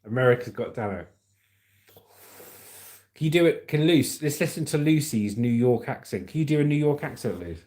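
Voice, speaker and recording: A man's voice: medium pitch, expressive, fairly quick, pauses often, darkish tone. A man hosting a casual livestream, reading out viewer comments and joking about them. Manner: jokey, reads viewer comments aloud. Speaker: livestream host.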